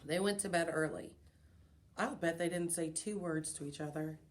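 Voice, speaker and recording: A woman reading a children's chapter book aloud, in an expressive storytelling manner. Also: low voice, moderate pace. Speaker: reader.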